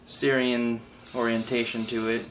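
In a garage workshop, a young adult man reviews a hookah casually, his delivery informal, loose and self-correcting. A camera a few feet away catches his mid-range, level, slightly slow and bright voice, with poor audio and faint background room noise.

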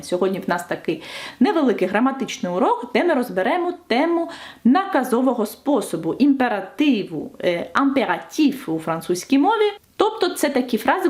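A woman's voice: mid-range voice, darkish tone. A woman teacher explaining French grammar in a video lesson, stressing each example.

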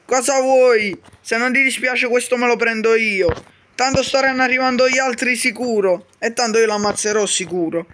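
A man with a strikingly high voice performs every part of a comedic game role-play himself. His tone is bright and sharp. He rattles through quick, foul-mouthed bickering that often bursts into shouts. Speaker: YouTuber voicing all characters.

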